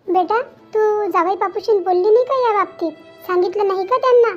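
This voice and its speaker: A gentle old cartoon mother, voiced by a woman, pitched very high and full of soothing reassurance. The sound is dull and lo-fi, with faint music underneath. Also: steady tone, a little fast. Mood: coaxing. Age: older. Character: aging widowed mother, gentle and comforting. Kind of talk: Marathi cartoon voice acting.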